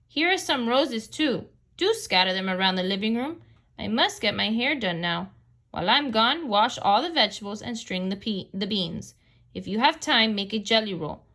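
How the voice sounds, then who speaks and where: A woman's voice: medium pitch, lively intonation, moderate pace, pushed and bright. A woman voicing a fussy, flustered lady of the house in a storybook read aloud, giving bossy orders and shrieking in dismay. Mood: instructing. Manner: exclaiming, bossy instructions.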